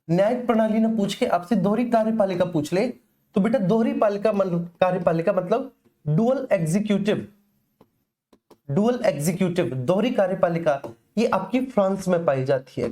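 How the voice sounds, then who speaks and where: A middle-aged woman teaches an exam-prep class with a warm, mellow voice. She repeats every key answer and speaks to her students fondly as children. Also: medium pitch, expressive, normal speed. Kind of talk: online exam-prep lesson.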